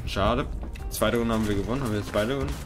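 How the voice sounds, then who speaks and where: A young man giving casual gameplay commentary, excitable and self-mocking, often swearing. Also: on the low side, quick pace. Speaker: gaming YouTuber. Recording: game music and gunfire behind. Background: game music and gunfire.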